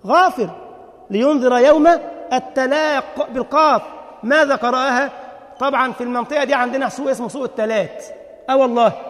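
A man's voice: very high-pitched, quick pace, fairly bright tone, in a large hall. A man with an Egyptian accent giving a religious lesson, telling stories animatedly and mixing formal Arabic with everyday dialect. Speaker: preacher.

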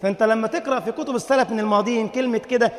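A man's voice: very high-pitched, rapid-fire, long reverb tail. A man with an Egyptian accent giving a religious lesson, telling stories animatedly and mixing formal Arabic with everyday dialect. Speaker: preacher.

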